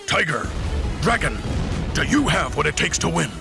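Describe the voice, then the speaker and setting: An actor playing a fierce, menacing martial-arts video game warrior with a gravelly voice in a radio ad. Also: male voice, a little high, very animated, moderate pace, over music. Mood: fierce challenge. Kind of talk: radio ad character acting.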